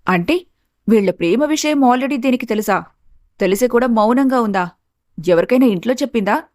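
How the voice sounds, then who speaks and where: A woman's voice: fairly high pitch, expressive, normal speed, a little mellow, no room sound, close to an everyday voice. A woman doing a sly, scheming daughter-in-law. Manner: sly, conspiratorial. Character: scheming young daughter-in-law, cunning and spiteful. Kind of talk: animated storybook voice acting.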